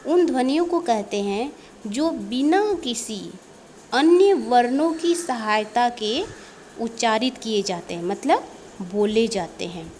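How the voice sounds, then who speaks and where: Slow-talking woman teaching children. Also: fairly high pitch, expressive, darkish tone, slight background noise. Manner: slow, repeats words and mixes in English. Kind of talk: children's lesson.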